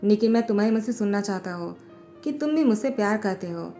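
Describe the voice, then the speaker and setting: A woman's voice: medium pitch, lively intonation, quick pace, dark tone, lightly acted. A woman voicing a cold, scheming young male company president who gives curt orders in a storybook narration, with faint music behind her. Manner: curt, bossy.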